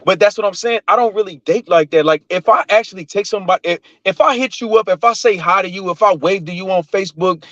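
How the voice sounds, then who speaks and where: A man's voice: high-pitched, quick pace, hardly any pauses, a bit bright, no room sound. Blunt, profane man on a lo-fi call. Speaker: guest on a live call-in stream. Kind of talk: heated casual debate. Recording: dry, dull lo-fi call audio.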